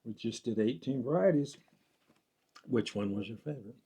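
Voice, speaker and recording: A man's voice: medium pitch, expressive, moderate pace, mellow, husky. A middle-aged man hosting a gardening video, chatting casually and sometimes stumbling over his words. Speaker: gardening channel host. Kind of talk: casual chat.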